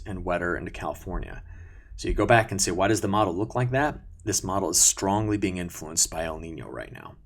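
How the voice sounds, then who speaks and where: Talking viewers through weather maps without a script, this male forecaster keeps things conversational and self-correcting. He sounds low and husky, recorded on a sensitive new close mic at his desk.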